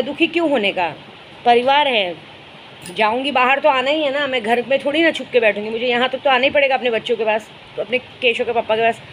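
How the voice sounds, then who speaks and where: Speaking in a high-pitched voice, a woman acting as a spiritual guide tells stories with fond asides during a casual vlog chat with her followers. There's slight background noise and the audio quality is poor.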